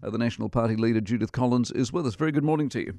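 A man's voice: medium pitch, rapid-fire, dark tone. A middle-aged man with a New Zealand accent hosting a talk radio interview, blunt and opinionated. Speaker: radio host.

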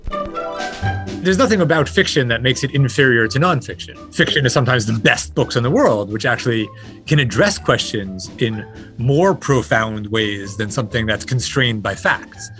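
A man's voice: mid-range voice, huge pitch swings, normal speed, a bit bright, soft background music. A man speaking as a guest professor, giving a conversational scholarly explanation. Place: library, late at night.

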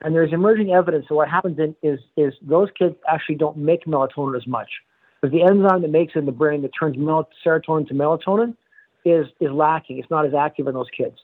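Brisk male medical expert, slightly high voice, tinny phone-line sound, careful and explanatory. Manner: measured, explanatory, self-correcting. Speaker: pediatrics and pharmacology professor. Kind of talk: phone interview.

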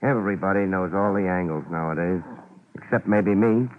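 Low-voiced hard-boiled detective, played by a man, old radio. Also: moderate pace, natural voice. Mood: wry, needling. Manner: terse, hard-boiled, dryly sardonic. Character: tough, wry, unflappable male private detective. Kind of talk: old-time radio crime drama acting. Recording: muffled, narrow-band old radio recording with hiss.

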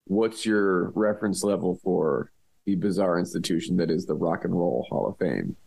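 A man hosting a podcast in casual banter, with a sleepy, just-woken vocal fry in his voice. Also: deep voice, normal speed, dark tone. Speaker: podcast host.

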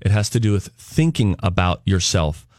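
A man's voice: sits low, lively intonation, moderate pace, darkish tone, dry recording, studio quality. A man co-hosting a radio talk show, chatting casually and turning earnest and reflective. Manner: earnest, reflective, builds to preachy emphasis.

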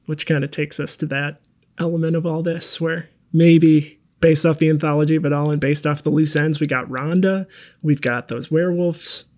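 A man's voice: fairly high pitch, fairly even intonation, moderate pace, a little mellow. A man co-hosting a podcast, talking about a horror film in a wry, rambling way. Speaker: podcast co-host. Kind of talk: casual movie discussion.

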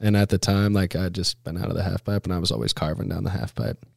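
A man with a fairly low voice chats casually as a guest in a close, dry recording. He tells his stories in loose, laid-back snowboarder slang, leaning on "like" and "dude" as he goes. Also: steady tone, quick pace, creaky, dry recording. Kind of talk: casual chat, storytelling.

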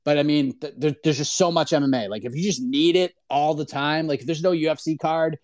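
Male sports talk host, conversational delivery, fairly high pitch, dry studio-like sound. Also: fairly quick, a little mellow, dry recording. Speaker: host of an MMA talk show.

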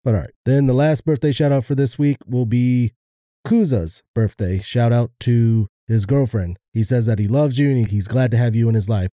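A man's voice: mid-range voice, moderate pace, warm tone, dry recording, clean studio sound. A man co-hosting a podcast, chatting casually and going along with the jokes in a laid-back way. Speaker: podcast co-host. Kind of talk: casual chat. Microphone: studio microphone.

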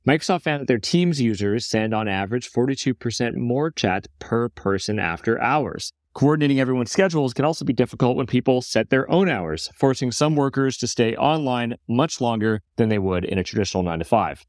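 A man hosting a business news podcast, reading a script briskly and dropping wry joking asides. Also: medium pitch, expressive, no echo, clean studio sound. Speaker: podcast host.

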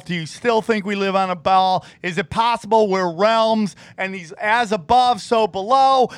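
Dude with a pretty high voice hosting a casual interview, earnest, dry close sound. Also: male voice, no room sound. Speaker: show host and interviewer.

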